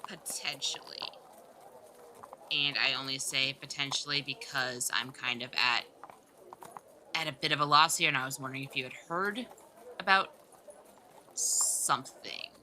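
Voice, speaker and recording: A woman's voice: a bass voice, measured pace, long pauses, bright, forceful tone, slight background noise. A woman playing her character in a tabletop game, apologetic and rambling, often breaking into giggles. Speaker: player. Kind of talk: in-character tabletop role-play.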